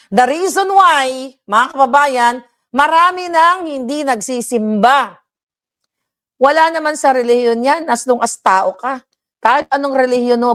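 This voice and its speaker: A woman's voice: on the high side, a bit bright. A woman giving heated reaction commentary, ranting with frequent profanity and switching into English. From Philippines.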